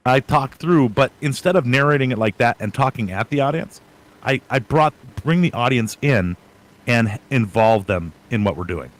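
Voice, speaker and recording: A man who is a guest streamer, chatting casually on a panel and thinking out loud in long run-on advice. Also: medium pitch, expressive, moderate pace, poor audio.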